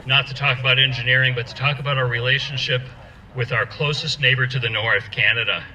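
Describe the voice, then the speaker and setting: Very bright-voiced male rally emcee. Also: mid-range voice, steady tone, muffled recording. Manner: brisk announcing. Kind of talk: introducing speakers. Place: outdoor rally.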